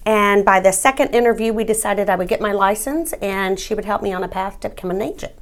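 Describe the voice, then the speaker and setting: A woman's voice: medium pitch, fast. A woman from Texas, in her thirties, answering interview questions about her career in a chatty, upbeat way with frequent ums. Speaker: real estate agent guest.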